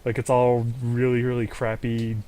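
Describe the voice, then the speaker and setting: A young man co-casting an esports match, relaxed and quick to react. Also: medium pitch. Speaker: esports co-caster. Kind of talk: casual game commentary.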